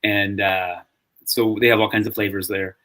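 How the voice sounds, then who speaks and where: A man's voice: fairly low pitch, flat delivery, moderate pace, fairly bright tone. A man hosting a casual podcast chat, telling stories with frequent restarts and repeated words. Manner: rambling storyteller, frequent restarts. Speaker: podcast host.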